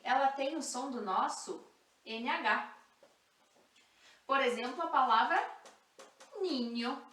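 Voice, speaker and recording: High, slow woman teaching in an echoey room. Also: fairly bright tone, distant mic. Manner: slow, clear, spells out sounds and repeats example words. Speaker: Spanish teacher. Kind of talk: online language lesson.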